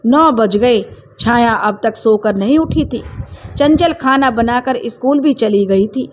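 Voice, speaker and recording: A woman storyteller hosting her own channel, reading a family story aloud in a steady, expressive way. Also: on the high side, measured pace. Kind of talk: scripted story narration.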